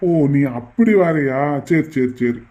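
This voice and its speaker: A man's voice: fairly high pitch, lively intonation, slow pace, mellow, muffled recording. A man voicing a mild, plain-spoken middle-aged father in a cartoon.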